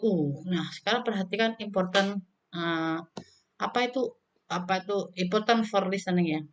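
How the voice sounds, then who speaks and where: Woman, pronunciation teacher, casual lesson, medium pitch, repeats model sounds loudly. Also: normal speed, lo-fi sound, a little hiss or hum. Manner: models sounds loudly and repeats them, frequent friendly filler tags.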